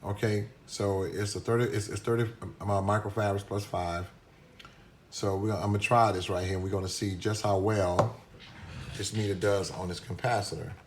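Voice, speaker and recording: Recorded on a phone camera with a little hiss or hum, a man with a fairly low, fairly even voice demonstrates a meter at his workbench at a moderate pace. The product reviewer is casual and hesitant, restarting often and leaning on fillers.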